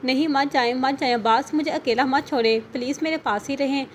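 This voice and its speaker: A woman's voice: high-pitched, a little fast, slight background noise, natural voice. A woman voicing a frightened young wife in an audio novel, speaking in a tearful, pleading way. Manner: pleading, sobbing.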